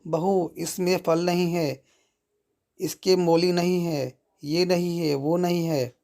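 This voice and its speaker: A man's voice: fairly high pitch, little pitch movement, slow pace, gravelly, dark tone. A man voicing a grumpy, nagging old mother-in-law who scolds and complains in a story reading. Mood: scolding.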